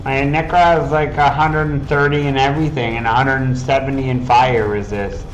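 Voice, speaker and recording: A man's voice: mid-range voice, moderate pace, a little hiss or hum, low-quality recording. A man streaming a game, chatting casually and sounding tired from the late hour. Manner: relaxed, chatty, questioning. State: tired, yawning. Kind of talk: casual gaming chat.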